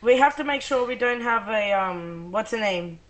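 High-voiced young man, blunt. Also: animated, normal speed, over a noisy crowd. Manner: blunt, swears casually. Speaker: podcast co-host. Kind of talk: casual chat.

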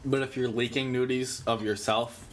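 A man's voice: medium pitch, fairly even intonation, moderate pace, a little hiss or hum. Young man with dry wisecracks. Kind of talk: casual crude podcast banter.

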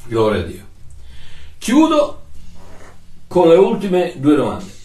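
A man preaching emphatically, stacking long lists of images and then dropping to a soft, low voice. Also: huge pitch swings, slow pace. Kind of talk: sermon answering listener questions. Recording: echoey, a little distant, soft music underneath.

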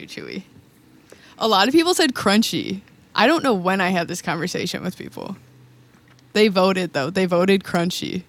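A woman co-hosting a podcast in casual chat, playful and teasing with her co-host. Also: mid-range voice. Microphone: podcast mic.

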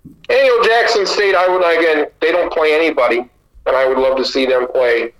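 A man's voice: on the high side, moderate pace, a bit bright, rough recording. A man co-hosting a sports podcast, giving opinionated takes in long runs of casual chat. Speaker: podcast co-host.

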